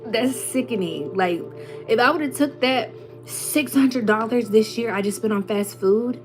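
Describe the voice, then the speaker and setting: A spiritual content creator, a young woman with a fairly high voice, gives her viewers an unhurried, casual yet emphatic motivational talk. She packs it with slang and small acted-out voices. Soft music plays beneath, and the recording quality is low.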